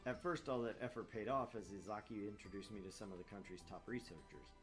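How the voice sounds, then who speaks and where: This gaming channel host talks fast in a fairly low voice, joking around with casual profanity while he reads visual novel lines aloud. The shared open microphone in his unsoundproofed home room picks up ambient noise, and music plays underneath.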